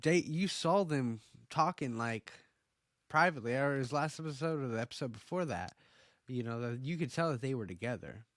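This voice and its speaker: A man's voice: medium pitch, lively intonation, moderate pace, a bit bright, dry recording, studio quality. Opinionated man in rambling casual chat. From Oklahoma. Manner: rambling, restarts often, opinionated. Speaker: podcast co-host. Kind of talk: casual TV episode review chat.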